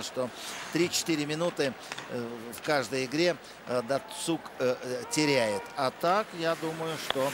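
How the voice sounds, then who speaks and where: A man giving live ice hockey commentary in a halting way, with many drawn-out hesitation pauses. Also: medium pitch, very noisy. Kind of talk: live play-by-play sports commentary.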